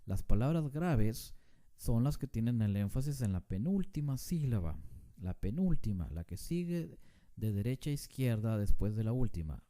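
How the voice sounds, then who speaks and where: A man teaching a grammar lesson, speaking slowly and deliberately and stressing syllables to demonstrate them. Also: mid-range voice, big pitch swings, warm tone.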